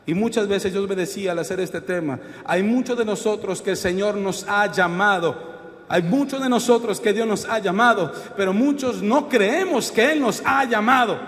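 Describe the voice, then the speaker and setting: A man's voice: high voice, normal speed, a bit bright, long reverb tail. A man preaching a sermon in a church, calling out questions to the congregation. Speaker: pastor. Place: church hall.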